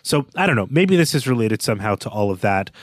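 Talking fast, with big swings in his medium-pitched voice, a man co-hosts a laid-back book podcast about a novel. He's reflective and hedging, often restarting what he says. The studio-quality recording has no echo.

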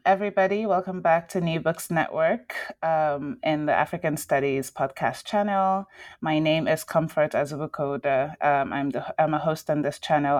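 A woman with a low-pitched voice hosts an interview podcast. She speaks conversationally and a little hesitantly, recorded close and dry. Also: dry recording. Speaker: podcast host.

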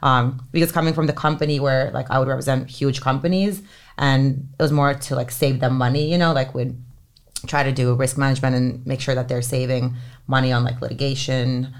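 A Finnish woman in her thirties, an entertainment lawyer appearing as a podcast guest, speaks in a rumbling low voice with fairly even intonation and a slightly fast pace. Her casual interview chat is loose and talkative, packed with "like" and "um."

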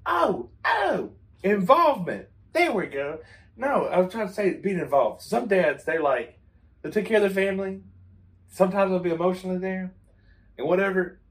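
A man's voice: high-pitched, lively intonation, normal speed, fairly bright tone, recorded from a distance. A man hosting a casual podcast chat, joking and laughing as he acts out family talk. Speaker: podcast host.

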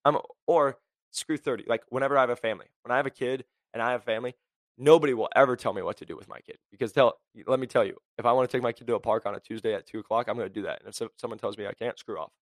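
A young man rattles through a motivational podcast at a quick clip, blunt and fired up. His voice sits at an ordinary pitch and sounds close and dry, with no room around it. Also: no echo. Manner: high-energy, blunt, fast-talking, lots of "like" and "right?". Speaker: podcast host. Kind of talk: motivational career podcast talk.

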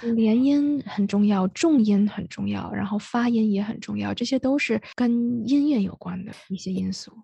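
A woman's voice: mid-range voice, moderate pace, creaky, few pauses, warm tone, breathy edge, no room sound, highs cut off. A woman hosting a radio English lesson, explaining patiently while switching between Mandarin and English. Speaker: English teacher and radio host. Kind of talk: bilingual radio lesson chat.

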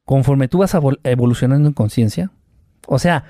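A man's voice: mid-range voice, brisk, no room sound, clean studio sound. Mexican man telling stories animatedly. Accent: Mexican Spanish. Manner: animated storyteller who acts out quotes with sound effects. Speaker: guest, UFO contactee. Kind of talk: casual storytelling interview.

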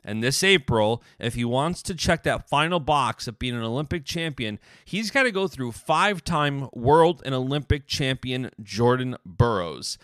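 A man's voice: medium pitch, animated, normal speed, hardly any pauses, a bit bright, no room sound, clean studio sound. A man hosting a podcast in a conversational way. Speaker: podcast host.

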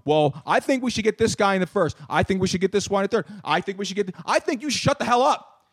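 A man in his thirties hosting a casual sports talk show, animated and ranting, often repeating words. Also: sits high, fast, slightly rough, no echo, clean studio sound. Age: 30s. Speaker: podcast host.

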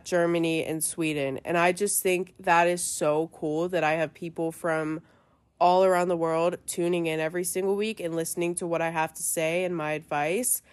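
A young woman hosts a casual podcast, chatting in an easygoing flow packed with fillers and "likes." Her voice sits a little low, and a cold makes it sound stuffy and nasal.

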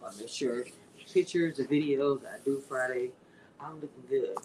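A chatty woman in her forties hosts a casual livestream and talks straight to her viewers. Her words often stretch out in a relaxed, unhurried way. Faint background noise sits behind her voice. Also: extremely low pitch, poor audio. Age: 40s. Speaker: livestream host.

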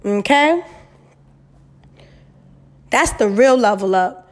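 Female host, mid-twenties, higher-pitched, emphatic and blunt, casual slangy advice talk, echo on the audio. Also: animated, slow. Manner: blunt, sassy, heavy swearing, emphatic. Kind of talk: casual solo chat with advice, frank and slangy. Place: new, mostly empty apartment. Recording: echoey near-empty apartment room.

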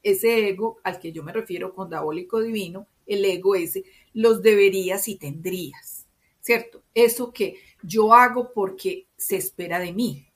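A woman from Medellín with a Colombian paisa accent, speaking as an interview guest and explaining in an expressive, conversational way that often checks in with tag questions. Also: medium pitch, measured pace. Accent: Colombian paisa (Antioquia).

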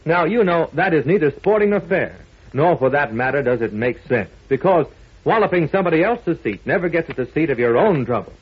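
A man's voice: on the high side, expressive, brisk, slightly rough. A man giving a folksy, earnest scripted moral talk as a 1940s radio announcer. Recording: thin, phone-like old radio recording.

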